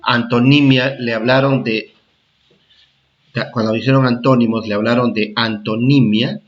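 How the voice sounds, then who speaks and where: With fairly even intonation and a mid-range voice, a man gives a recorded lesson to young pupils, the highs cut off in the audio. He proceeds slowly and repetitively, often checking in with "¿ah?" and "¿de acuerdo?"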